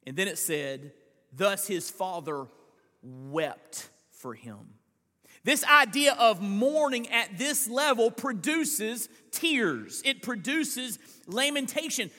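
A man's voice: sits high, lively intonation, slow, bright, forceful tone. A man preaching a live Sunday sermon as senior pastor, explaining scripture earnestly and asking the congregation pointed questions. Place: church sanctuary. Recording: long church reverb.

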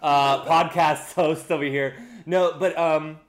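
A man's voice: a little high, steady tone, takes it slowly. Joking young man co-hosting a podcast. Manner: joking, swears casually. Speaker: podcast co-host. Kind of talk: casual chat.

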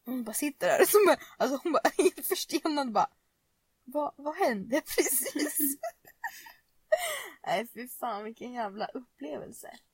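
High-voiced young woman, animated storyteller. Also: breathy edge, no echo. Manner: animated storyteller, laughing, swearing. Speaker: podcast co-host. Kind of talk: casual chat.

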